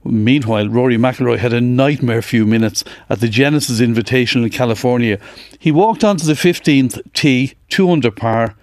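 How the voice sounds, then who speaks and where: A man's voice: medium pitch, dry recording. A man with an Irish accent presenting live radio sports news and interviews from a studio.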